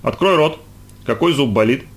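A man voicing a brisk, teasing female dentist in a storybook reading, raising his voice for her. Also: medium pitch, lively intonation, pitched above the performer's own voice, lightly acted. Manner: brisk, lightly teasing questions.

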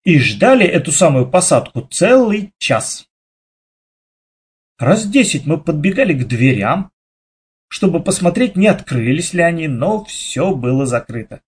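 Lively, husky male storybook narrator. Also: on the high side, a little slow. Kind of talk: expressive children's audiobook reading.

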